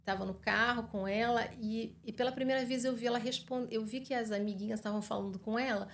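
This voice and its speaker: A woman with a Brazilian accent, a psychologist answering interview questions and acting out quoted dialogue with lively vocal shifts. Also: a little high, fast, creaky. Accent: Brazilian Portuguese. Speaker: guest psychologist.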